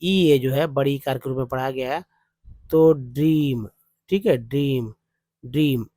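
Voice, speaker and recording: A man teaching spoken English, reading text slowly word by word and explaining how each word is pronounced. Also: mid-range voice, dark tone, no room sound.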